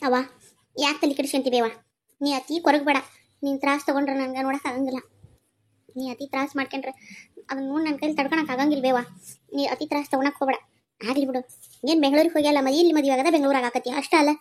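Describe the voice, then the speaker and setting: A young village daughter from a cartoon, gentle and devoted, voiced by a woman with a North Karnataka Kannada accent. She pleads and soothes in a high, quick voice that tumbles out fast. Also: little pitch movement, close to an everyday voice. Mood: tender. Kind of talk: cartoon voice acting.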